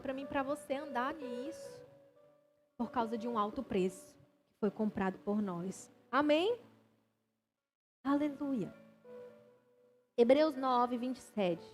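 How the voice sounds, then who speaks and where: A woman preacher, delivering a sermon in a church with lively, conversational retellings. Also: sits high. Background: music.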